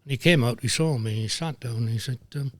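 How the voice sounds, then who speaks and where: A man's voice: medium pitch, quick pace, no echo, clean studio sound. Older man telling stories. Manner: lively raconteur, slips into voices for quotes. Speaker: former football referee, guest. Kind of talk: anecdotal storytelling.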